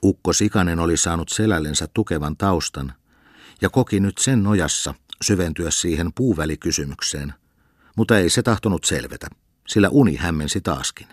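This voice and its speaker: A man reading a novel aloud as an audiobook narrator, in an even storytelling manner. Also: deep voice, husky, no room sound, clean studio sound. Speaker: audiobook reader.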